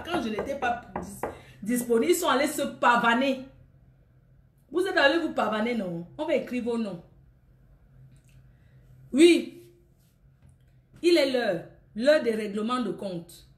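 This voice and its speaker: A woman with a high voice runs a live sale for her viewers. She scolds and teases them, often laughing as she talks. The sound rings in an echoey room. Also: lively intonation, moderate pace, pauses often. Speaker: online clothing seller on live stream. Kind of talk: casual live-stream chat with viewers.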